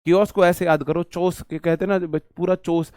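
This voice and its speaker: A man's voice: high-pitched, flat delivery, moderate pace, a little mellow, clean tone, no echo, studio quality. A young man teaching English vocabulary in a casual classroom lecture, joking and repeating lines for emphasis.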